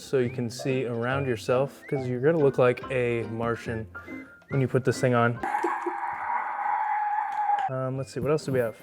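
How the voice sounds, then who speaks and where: A man hosting a casual unboxing vlog, joking and rambling in an offhand way. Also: medium pitch. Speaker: host.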